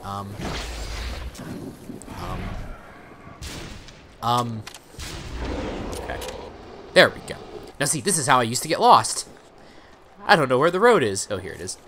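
A man's voice: mid-range voice, very animated, unhurried, long pauses. A man giving casual let's play commentary, tossing sarcastic asides at the game. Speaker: gamer, let's player. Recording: clearly noisy, game ambience behind.

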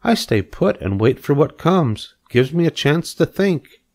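A man voicing a calm, wise female spider in a storybook reading, measured and reassuring. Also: fairly high pitch, pitched above the performer's own voice, full character voice. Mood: thoughtful. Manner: measured, reassuring, matter-of-fact.

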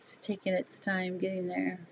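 A woman's voice: on the low side, monotone, moderate pace, vocal fry, a little hiss or hum. Middle-aged woman host, easygoing live-stream chatter with viewers, lots of ums and restarts. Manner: chatty, loose, many fillers and restarts. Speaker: sewing channel host. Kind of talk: live stream chat answering viewer comments.

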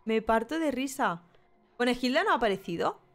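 A woman's voice: fairly high pitch, expressive, a little fast. A young woman with a Spain Spanish accent, chatting and laughing through a live game stream. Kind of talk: live gameplay commentary.

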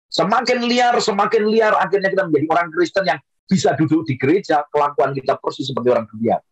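A man preaching an online sermon, joking and swinging his pitch up and down for emphasis. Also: fast talker, breathy edge, no room sound, rough recording.

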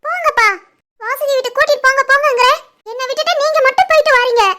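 A woman voicing a sulky, stubborn schoolgirl daughter in an animated family story, with a southern Tamil Nadu accent and a whiny, pleading way of talking. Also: extremely high pitch, rapid-fire.

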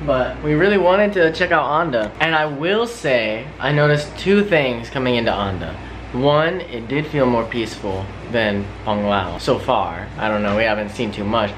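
A young American man vlogs his travels in a higher-pitched voice, chatting casually to a camera he holds at arm's length and saying "like" a lot. The low-quality recording has a little hiss or hum, and he films both on forest paths outdoors and inside a room.

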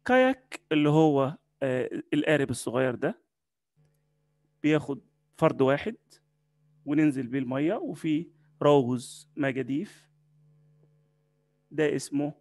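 Speaking with an Egyptian Arabic accent, a man leads an English vocabulary lesson, pronouncing each word slowly and repeating it several times. His pitch is medium and the recording is dry.

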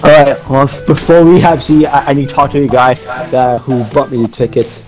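A man's voice: mid-range voice, steady tone, brisk, darkish tone, soft background music, low-quality recording. A man chatting casually with friends during a game, often restarting his sentences.

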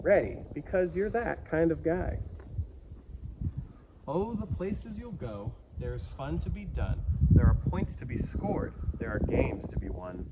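A man with a slightly high voice reads a rhyming picture book for children, dramatizing it theatrically in the style of a naturalist storyteller. The audio is dull and recorded outdoors amid background ambience.

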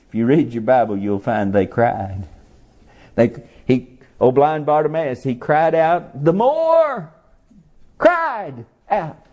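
A middle-aged man with a mid-range voice delivers a homespun sermon in plain country speech, sometimes breaking into loud cries on important words.

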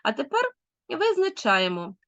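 A woman with a Ukrainian accent, a literature teacher explaining a school lesson in a lively teacherly way. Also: on the high side, a little slow, dry recording. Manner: lively teacherly, with many diminutives. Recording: slightly dull lo-fi sound.

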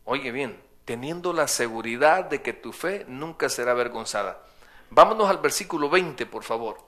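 A man's voice: mid-range voice, expressive, moderate pace, a bit bright. A man preaching a sermon as pastor in a church. He speaks emphatically, repeating his points and firing off rhetorical questions. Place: church sanctuary.

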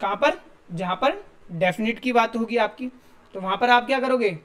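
A man's voice: very high voice, normal speed, a bit bright. A male teacher, giving a classroom grammar lesson and explaining step by step while asking his students questions.

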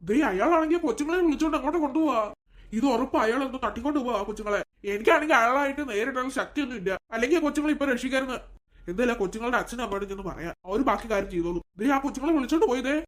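A woman's voice: on the high side, animated, racing, lightly acted. A woman voicing an elderly farm worker in a cartoon, fretting aloud to themself about children in danger. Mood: worried. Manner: fretful, talks to self.

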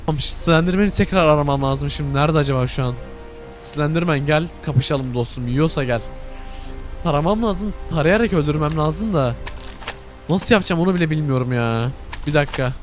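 A young man giving scared, jumpy commentary while playing a game, talking to his viewers. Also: fairly high pitch. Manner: jumpy, scared, addresses viewers, frequent exclamations. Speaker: gaming YouTuber. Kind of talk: live gameplay commentary.

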